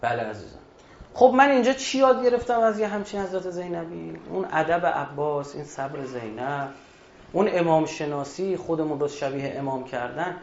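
A man with a high voice delivers a sermon, shifting between quiet narration and forceful, raised exhortation. The recording is dull and lo-fi, with a strong room echo and a faint hiss underneath. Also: expressive, gravelly. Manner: shifts from hushed storytelling to loud emphatic exhortation. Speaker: preacher. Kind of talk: religious sermon. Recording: echoey dull hall recording.

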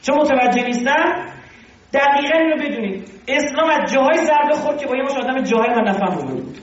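A man with a high voice gives an animated, conversational religious lecture and keeps asking his listeners questions. He sounds far from the microphone in a very echoey hall. The recording is dull and muffled, with faint noise underneath. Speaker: religious teacher.

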